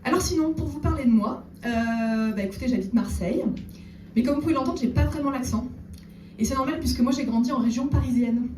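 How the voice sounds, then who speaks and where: A woman doing a stand-up comedy set on stage, chatting with the audience and slipping in deadpan ironic asides. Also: sits high, brisk. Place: theater stage before a live audience. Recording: roomy echo, distant mic, audible room noise.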